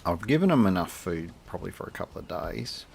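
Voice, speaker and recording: A man's voice: low voice, sing-song, fast talker, creaky, slight background noise. An Australian man giving casual, rambling commentary as he plays a game, thinking aloud and chatting to the animals on screen. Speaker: game streamer.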